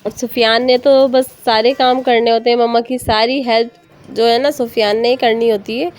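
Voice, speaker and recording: Narrating her family vlog at a moderate pace, a Pakistani mother in her thirties speaks in a slightly high voice with fairly even intonation and an Urdu accent. The voice-over is friendly and story-like, and she addresses viewers politely. Behind her plays soft acoustic guitar.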